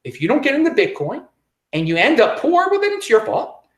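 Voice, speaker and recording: A show host with a very high-pitched voice speaks fairly quickly in a solo opinion monologue on his own show. He's emphatic and animated, repeating phrases over and over to drive his points home.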